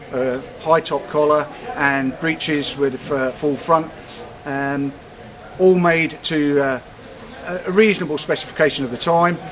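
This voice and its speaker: A man's voice: fairly high pitch, a bit bright. A man giving an informal, slightly hesitant explanatory chat. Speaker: town crier. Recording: light background noise.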